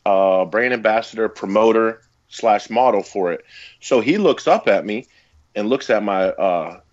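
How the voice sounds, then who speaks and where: A man's voice: fairly low pitch, expressive, measured pace, no room sound, lo-fi sound. A man from Florida, an autograph collector telling a story bluntly over a video call whose audio keeps cutting off at the ends of words. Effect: choppy video-call audio with cut-off endings.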